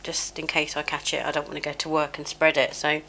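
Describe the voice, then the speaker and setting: A middle-aged beauty vlogger does her makeup at home with a cold, her low, slightly chesty voice delivered completely flat, a little fast, and with a sharp tone over slight background noise. Her rambling get-ready-with-me chat is chatty, scattered, and self-mocking, full of fillers. A small clip-on mic sits near her and sometimes gets covered.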